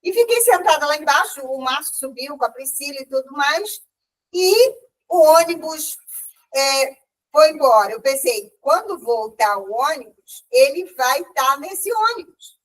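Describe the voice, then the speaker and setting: A woman's voice: high-pitched, animated, a little slow, a bit bright. A woman with a Brazilian accent gives an emotional testimony at a church meeting, often quoting herself and restarting her sentences. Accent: Brazilian Portuguese. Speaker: church group member giving a testimony. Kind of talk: animated storytelling testimony. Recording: voice from far off the mic.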